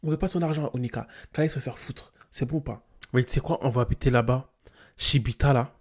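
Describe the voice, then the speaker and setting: Casting: young male gaming YouTuber, mellow warm tone, lively and scolding. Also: mid-range voice, fast talker. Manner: animated, scolding his game characters with slang. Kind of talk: casual game commentary.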